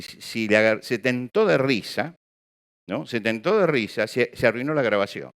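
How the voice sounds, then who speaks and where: A man's voice: medium pitch, fairly bright tone, smooth. A male pastor preaching to a live congregation, asking rhetorical questions and acting out small examples. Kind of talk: sermon. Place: church or hall with an audience.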